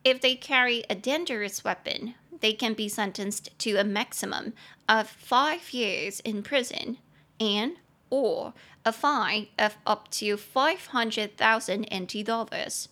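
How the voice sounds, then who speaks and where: A woman from Taiwan hosting a bilingual English lesson podcast, chatting casually and slowing down to spell and repeat English words. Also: fairly high pitch, pushed and bright. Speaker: podcast host teaching English.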